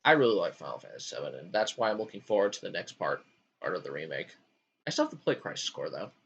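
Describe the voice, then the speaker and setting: A man hosts a relaxed chat about video games, and his pitch swings widely from line to line. He fills pauses with ums and jumps between thoughts. The recording sounds dull and lo-fi. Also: vocal fry, a little hiss or hum. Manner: animated, jumpy pitch with frequent ums. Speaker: podcast host ranking game worlds. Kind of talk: casual gaming chat.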